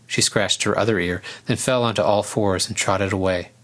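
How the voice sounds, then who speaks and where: Calm male storybook narrator, low-set voice. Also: moderate pace.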